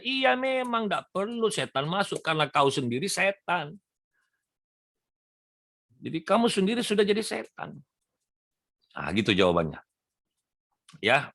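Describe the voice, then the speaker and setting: A man preaching a religious sermon, lively, acting out the questions of listeners. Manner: lively, swings pitch up and down, acts out quoted listeners. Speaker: preacher and motivator.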